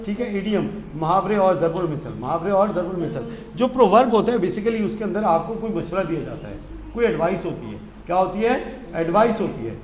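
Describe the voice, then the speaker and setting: Male teacher, high voice, mixes English phrases into explanations, roomy sound. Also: slight background noise. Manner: mixes English phrases into Urdu explanations, asks and answers his own questions. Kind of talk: classroom lesson explaining English grammar.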